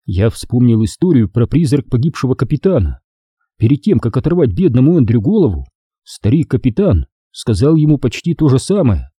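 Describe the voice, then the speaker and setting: A man reading a spooky story aloud as an audiobook narrator, steady and suspenseful. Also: mid-range voice, a little fast, breathy edge, dry recording, clean studio sound.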